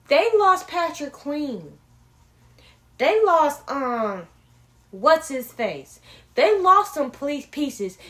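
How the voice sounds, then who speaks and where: Young woman sports host, fairly high voice, blunt and opinionated, casual and swearing. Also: a bit bright.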